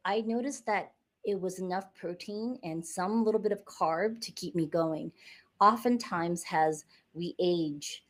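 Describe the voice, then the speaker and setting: An American woman in middle age, appearing as a guest on a podcast, chats in a relaxed interview style. Her voice sits lowish and she takes her time, walking through explanations step by step with the odd filler word.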